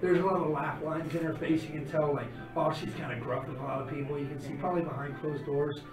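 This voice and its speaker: A man's voice: a little high, fairly even intonation, fast. Male game master in a roomy space. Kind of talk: improvised tabletop game narration. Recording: roomy, distant mic with music behind.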